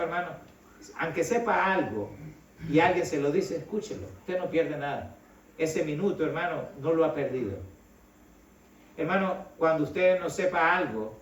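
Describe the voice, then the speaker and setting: Preacher in an echoey hall. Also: male voice, on the high side, recorded from a distance, a little hiss or hum. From El Salvador. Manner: conversational preaching, addresses listeners as brother, rising emphasis. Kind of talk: sermon. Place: church hall.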